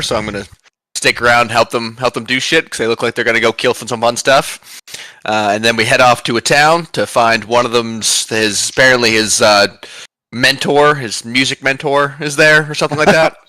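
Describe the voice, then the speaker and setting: A man's voice: medium pitch, pushed and bright, no room sound. Hungover man rambling through a game recap. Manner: rambling, filler-heavy, joking. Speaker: player recapping the last session. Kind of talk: casual tabletop game recap.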